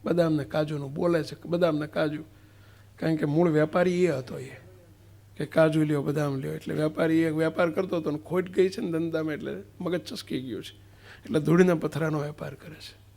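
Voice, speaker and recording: A man's voice: on the high side, steady tone, a little fast, gravelly, a little mellow. A man giving a devotional sermon, questioning his listeners and stressing points with emphasis. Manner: questioning, emphatic, acts out a street seller's cries. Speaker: preacher.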